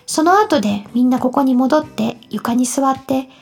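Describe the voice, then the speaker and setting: A woman's voice: high voice, lively intonation, normal speed, vocal fry, husky, faint music behind, exaggerated voice. A woman voicing a strict but caring mother scolding her children in a storybook. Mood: stern. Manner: scolding, firm, instructive.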